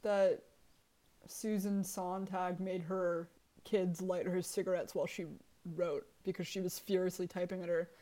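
A woman's voice: fairly low pitch, level tone, unhurried, warm tone. A woman co-hosting a casual chat over a video call, blunt and swearing, often laughing mid-sentence. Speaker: podcast co-host.

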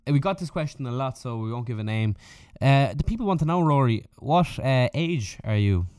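A man's voice: medium pitch, animated, brisk, a little mellow, clear, resonant tone, dry recording, clean studio sound. A man in his early twenties with an Irish accent, casually putting questions as a podcast co-host. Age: early 20s. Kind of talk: casual chat.

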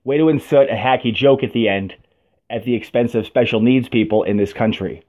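A man's voice: mid-range voice, fairly quick, a little mellow. A man ranting through a profane, sarcastic comic monologue as a podcast host. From New York. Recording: dull lo-fi audio.

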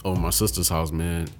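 A man's voice: low-pitched, a little hiss or hum. A young man, chatting easily as a podcast co-host, often asking "you know what I'm saying". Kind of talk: casual chat.

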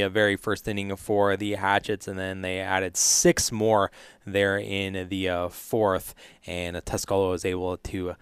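A man's voice: deep voice, clean tone, dry recording. Male sports radio host, resonant and dry-miked, chatting casually with frequent hesitations. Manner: halting, filler-heavy delivery. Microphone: close studio radio microphone.

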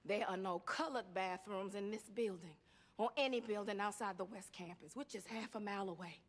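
An actress delivering an impassioned, indignant speech, forceful and at times rising to shouts. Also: female voice, mid-range voice, a little fast, close to an everyday voice.

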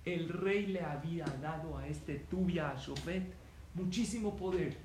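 A man's voice: on the high side, unhurried, darkish tone. A man giving a religious lesson in story form, asking his listeners questions and acting out the quotes. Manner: asks the audience questions, acts out quotes. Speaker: rabbi teaching a lesson. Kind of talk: sermon-style storytelling lesson. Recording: echoey room with faint ambient noise.

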